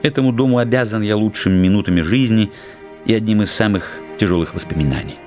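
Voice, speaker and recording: A man narrating a classic story as an audiobook, in a measured, unhurried literary reading. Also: on the low side, darkish tone, faint music behind.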